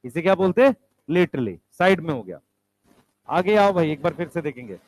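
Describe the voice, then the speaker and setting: A man's voice: on the high side, big pitch swings, brisk, darkish tone, poor audio. A male teacher giving a classroom lecture, explaining step by step, asking the students questions and calling them beta and bhai.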